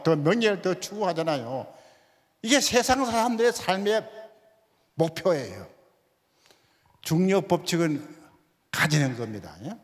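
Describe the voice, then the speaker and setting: A man in his seventies giving a sermon in a church, often putting rhetorical questions to the congregation. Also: high voice. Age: 70s. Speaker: guest speaker. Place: church sanctuary. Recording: long hall reverb.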